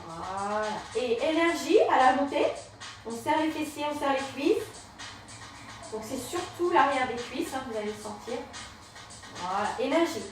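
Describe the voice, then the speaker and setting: Echoey high-voiced woman guiding Pilates. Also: lively intonation, unhurried. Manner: guiding, cueing breaths and movements step by step. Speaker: Pilates and yoga instructor. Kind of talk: live-streamed fitness class instruction. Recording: very echoey room, mic far off, music behind.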